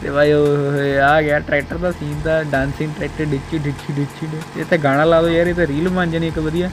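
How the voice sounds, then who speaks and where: This young gaming video creator's voice-over is fast, fairly high and flatly delivered, with background noise. Over music and gameplay, he keeps up casual banter, exclaiming and repeating short phrases.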